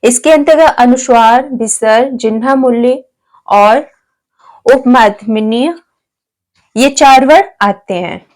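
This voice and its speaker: A woman teaches grammar to her video viewers in a high voice. She goes slowly and carefully, reading letters out one at a time. She asks questions and then answers them herself. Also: a little mellow.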